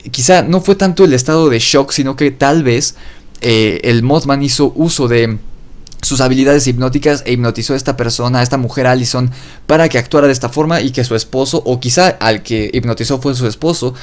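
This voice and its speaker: A man hosting his own podcast, telling an eerie story in a loose, conversational way and often correcting himself mid-sentence. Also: medium pitch. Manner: loose spoken retelling with fillers and self-corrections. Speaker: podcast host. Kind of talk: casual storytelling narration.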